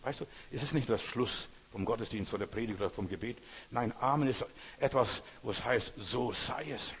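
Man, pastor, husky voice, emphatic sermon, repeats phrases, reverberant hall. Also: mid-range voice, normal speed. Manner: emphatic preaching, repeating phrases, rising to loud exclamations.

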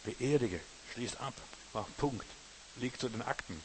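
A man's voice: medium pitch, a little slow, darkish tone, slight background noise. A man preaching a sermon in a folksy way, who keeps turning to the listener with "you know?" and "understand?". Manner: folksy, keeps asking "weißt du", "verstehst du".

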